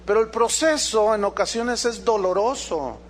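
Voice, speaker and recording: Animated high-voiced male preacher. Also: moderate pace, a little hiss or hum. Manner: animated preaching, acts out dialogues, rhetorical questions. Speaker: pastor. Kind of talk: sermon.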